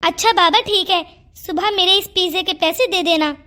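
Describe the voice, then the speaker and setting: A woman voicing a kind, caring young man in a cartoon story, talking in a gentle, teasing way. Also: very high voice, moderate pace.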